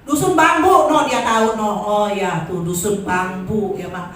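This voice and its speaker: A woman, giving a lively testimony at a worship service, acting out conversations. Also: measured pace. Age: 60s. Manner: animated storytelling, acts out dialogue in a higher voice. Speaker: church member giving testimony. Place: large church hall. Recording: very echoey hall, voice from far off.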